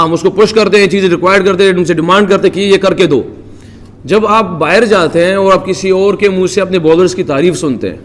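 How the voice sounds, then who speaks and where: A man's voice: sits high, long reverb tail, a little hiss or hum. A man from Pakistan, a cricketer, giving earnest, devout answers at a press conference. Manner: earnest, devout, many religious phrases.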